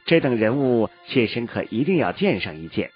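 A man's voice: medium pitch, very animated, moderate pace, natural voice. A man voicing a graceful, courteous older woman cultivator in a storybook reading. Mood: gracious. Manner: courteous, coy. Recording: lo-fi with faint music.

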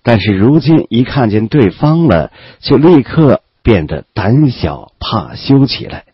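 Brief: male audiobook narrator, low and husky, lively and animated delivery; muffled lo-fi track with faint music. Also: a little slow, no room sound. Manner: expressive storytelling with lively pitch.

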